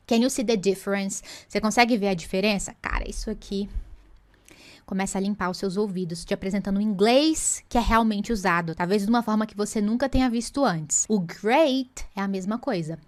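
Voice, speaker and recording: A woman teaching English in an online lesson. She explains patiently and drags out the English example phrases to show how they are pronounced. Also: medium pitch.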